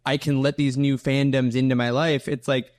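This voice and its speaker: A man's voice: medium pitch, moderate pace, no room sound. A man co-hosting a podcast, chatting casually in a playful, joking way. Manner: playful and jokey, animated storytelling. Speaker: podcast co-host. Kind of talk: casual chat.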